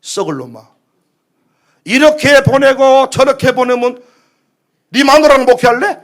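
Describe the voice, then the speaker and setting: A male preacher voicing the Holy Spirit as a rough, stern elder who scolds and urges reconciliation. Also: extremely high pitch, expressive, a little slow, pitched above the performer's own voice. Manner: rough, scolding, then coaxing.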